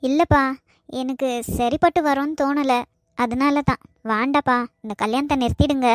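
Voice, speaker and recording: A woman voicing a gentle, dutiful young woman in a cartoon, speaking softly and meekly. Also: high-pitched, fairly even intonation, moderate pace, no room sound, studio quality, natural voice. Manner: soft, meek.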